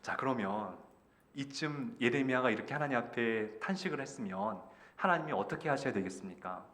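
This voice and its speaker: A man's voice: medium pitch, expressive, fairly quick, a bit bright. A man preaching a sermon as a pastor, dramatically voicing pleading prayers and reading scripture aloud.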